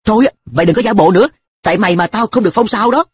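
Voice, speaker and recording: A man's voice: high voice, expressive, fast, husky, voice pushed up, full character voice. A man voicing an earnest, hot-tempered schoolboy who talks in a pushy, exasperated way. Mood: heated.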